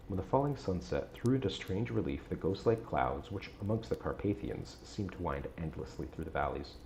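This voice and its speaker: A man reading a gothic novel aloud with a measured, dramatic storytelling delivery. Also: low voice, creaky, a little mellow, slight background noise. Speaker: audiobook-style reader on a stream.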